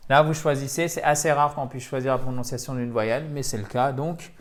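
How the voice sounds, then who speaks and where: A man's voice: mid-range voice, fairly even intonation, fairly quick. A man teaching English pronunciation in a video lesson, explaining in French and repeating example words with the stress marked.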